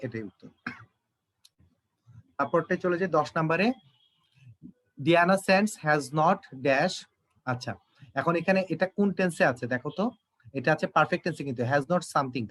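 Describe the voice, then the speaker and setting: Young male tutor, slightly high voice, patient explainer who reads English phrases out slowly for students. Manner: explanatory, addresses students directly, slow when reading English. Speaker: teacher. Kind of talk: exam-prep English lesson.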